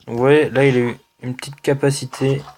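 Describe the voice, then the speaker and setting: His voice is mid-range and a little dark, delivered flatly, as this French-accented gaming host comments casually on a mobile game he's playing. He speaks slowly and without hurry, hesitating and using many "euh" fillers. Music runs under the voice, with slight background noise.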